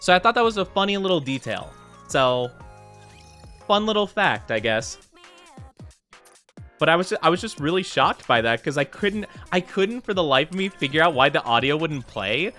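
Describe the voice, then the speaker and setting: A man with a fairly high, very bright voice chats casually to his live stream. He has a cute, upbeat anime-streamer manner and often doubles back on his phrases. Soft music plays behind him. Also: expressive, normal speed. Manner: chatty, hesitant, often repeats phrases. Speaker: VTuber game streamer. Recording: music under the voice.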